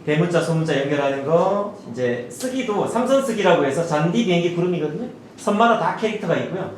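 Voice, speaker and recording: A man in his forties presents to parents in a seminar hall, his slightly high voice rising and falling with animated emphasis. He demonstrates drills as though coaching children. The sound carries a roomy echo with faint background noise. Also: brisk. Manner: demonstrative, switches into a lively teacher voice for children. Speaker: education director presenting to parents.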